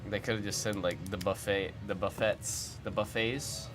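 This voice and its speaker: This young man hosts a card-break livestream, chatting loosely and puzzling aloud over viewer comments while music plays behind him. His voice is on the low side, with a steady tone and a moderate pace.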